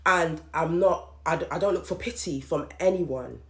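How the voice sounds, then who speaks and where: A woman in her late 30s, low-voiced and speaking at normal speed, hosts a podcast on her own and candidly vents her thoughts, repeating things for emphasis. The room is roomy and echoey.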